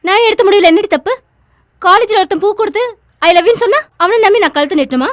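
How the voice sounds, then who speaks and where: A woman's voice: very high-pitched, lively intonation, quick pace, no room sound, studio quality. An actress playing a spirited young college woman who speaks forthrightly and lectures her friend, in film dialogue. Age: young adult. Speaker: college student.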